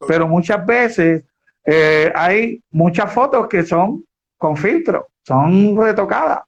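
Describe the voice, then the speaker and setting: A man hosting an interview, talking reflectively with halting restarts. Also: sits high, lively intonation, muffled recording, a little hiss or hum. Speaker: interview host. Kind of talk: casual interview chat.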